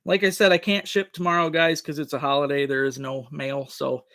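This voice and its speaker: A man's voice: fairly high pitch, flat delivery, a little fast, sharp tone. A man hosting a livestream, chatting casually with viewers in a folksy, rambling way. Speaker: livestream host.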